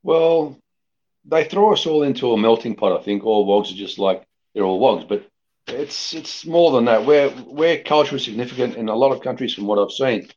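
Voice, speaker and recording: A middle-aged man raised in Australia, talking casually as a podcast guest in a rambling, lively way with many restarts. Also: mid-range voice, moderate pace. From born in Greece, raised in Australia. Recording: dull lo-fi podcast audio.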